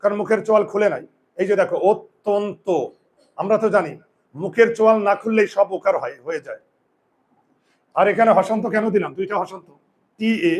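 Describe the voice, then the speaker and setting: High-voiced male teacher. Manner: explains step by step with frequent questions to students. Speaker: Bengali grammar teacher. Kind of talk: whiteboard pronunciation lesson.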